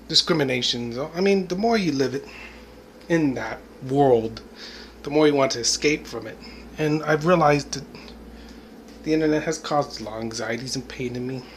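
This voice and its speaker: Talking straight to camera, this man in his forties drifts through a reflective, casual monologue full of "you know," "I mean," and little laughs. He's a vlogger with a fairly high-pitched voice, and the recording carries a little hiss or hum.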